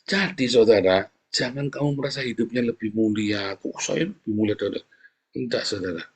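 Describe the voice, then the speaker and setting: A man preaching a lively sermon, often calling out to the congregation, his voice leaping up in pitch for emphasis. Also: moderate pace, slightly rough. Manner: often addresses the congregation as "saudara". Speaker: pastor.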